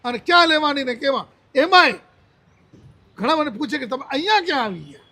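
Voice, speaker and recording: A man's voice: very high voice, expressive, a little fast, bright, forceful tone. A man in his seventies, a monk giving a religious discourse, telling a personal story and acting out the dialogue he quotes. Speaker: Jain monk.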